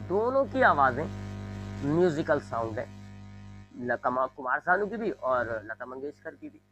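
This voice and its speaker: A man teaching a physics lesson, explaining slowly and repeating his points, now and then imitating sounds. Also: on the high side, low-quality recording. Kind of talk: classroom lecture.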